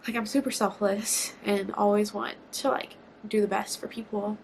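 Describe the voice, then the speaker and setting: A woman's voice: medium pitch, level tone, moderate pace, vocal fry, slight background noise, rough recording. A young woman from Georgia, chatty and near tears as she tells a personal story for her vlog. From Georgia, USA. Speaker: vlogger.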